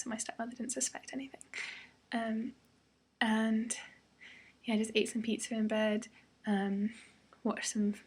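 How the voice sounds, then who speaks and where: A young British woman talking casually and ramblingly in a personal vlog, sounding tired the day after surgery, with a breathy, slightly husky voice. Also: medium pitch. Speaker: vlogger.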